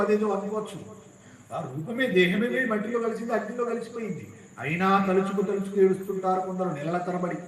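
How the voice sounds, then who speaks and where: A man's voice: high-pitched, roomy sound, low-quality recording. A man giving an impassioned devotional sermon, repeating rhetorical questions. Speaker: religious discourse speaker.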